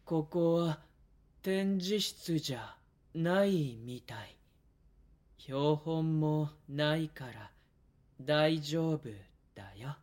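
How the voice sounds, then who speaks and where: A man playing a gentle, timid young vampire in an intimate audio drama, speaking softly and hesitantly with breathy murmurs. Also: a little high, lively intonation, extremely slow. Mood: hesitant, uneasy.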